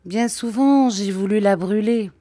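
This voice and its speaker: A shy, heartbroken middle-aged painter, put on by a woman reading a story aloud, pleading and running himself down in a plaintive, unhurried voice. The tone is mellow and low, with a dry, close sound. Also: no room sound. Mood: sorrowful. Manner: plaintive, self-deprecating pleading.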